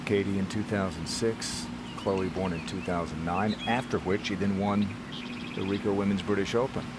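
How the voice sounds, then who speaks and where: Low-voiced male golf commentator. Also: fairly even intonation, moderate pace. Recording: loud outdoor course noise.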